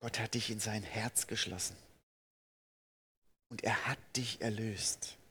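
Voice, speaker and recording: A man's voice: lowish voice, fairly even intonation, breathy edge. Earnest German-speaking preacher man. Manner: earnest, rises to emphatic peaks then drops soft and slow; addresses listeners directly with questions. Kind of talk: sermon.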